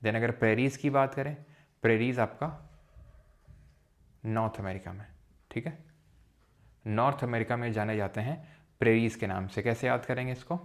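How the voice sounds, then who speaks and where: A man's voice: medium pitch, normal speed, pauses often. Casual man teaching a geography lesson. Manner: casual, mixes English terms into Hindi speech; playful, jokes to make memory tricks. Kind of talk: recorded geography lecture.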